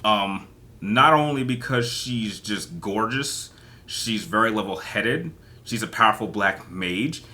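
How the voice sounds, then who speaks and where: Male host, lowish pitch with a forceful bright edge, casually talking out kiss-marry-kill choices, rambling with repeats. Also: lively intonation, slow. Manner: rambling, hesitant, often repeating words. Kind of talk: casual solo chat, playing kiss-marry-kill with fictional characters.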